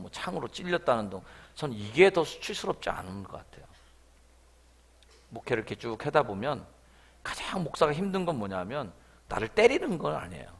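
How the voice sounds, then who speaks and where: Animated high-voiced male pastor preaching. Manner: animated, acts out scenes, colloquial asides. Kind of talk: revival sermon.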